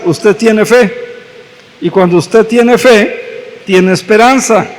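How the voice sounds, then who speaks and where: A man preaching a sermon as pastor, slowly and emphatically, repeating key phrases so listeners can take notes. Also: sits high, big-room sound, poor audio. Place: church.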